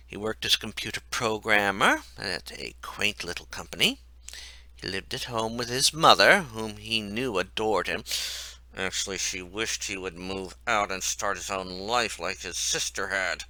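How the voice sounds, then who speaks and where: Guy reading his own funny story out loud, wry and mocking, really lively swoops, dry close sound. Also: on the low side, no room sound. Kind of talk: reading a comic story aloud.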